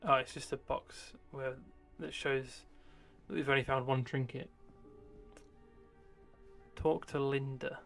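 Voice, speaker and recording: Gravelly, sardonic man streaming a game. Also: mid-range voice, little pitch movement, slow, pauses often, fairly bright tone. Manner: sardonic, sweary. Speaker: live streamer. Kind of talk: casual game commentary. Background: game music.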